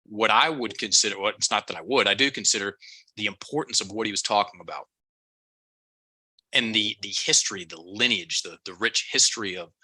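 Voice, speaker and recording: A man talking as a podcast guest in casual conversation, telling stories in an animated, rambling way with self-mocking asides. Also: on the low side, fairly quick, slightly rough, no echo.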